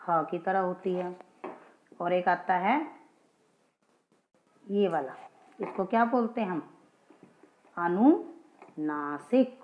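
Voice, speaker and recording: A woman gives a casual grammar lesson, patient and steady, often checking that her listeners follow. She asks a question and then answers it herself. The sound is dull and lo-fi, with a roomy echo. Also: on the low side, slow pace, long pauses. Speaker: Hindi grammar teacher. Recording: dull lo-fi, echoey room.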